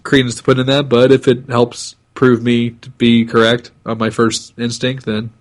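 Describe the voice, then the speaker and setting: A man's voice: mid-range voice, level tone, moderate pace. A man co-hosting a casual podcast, laid-back, laughing along and giving short agreements. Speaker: podcast co-host.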